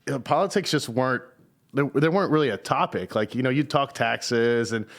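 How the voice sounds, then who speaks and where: A man from Southern Indiana hosting an interview in a relaxed, halting way, with many fillers. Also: medium pitch. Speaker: host. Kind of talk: casual interview chat.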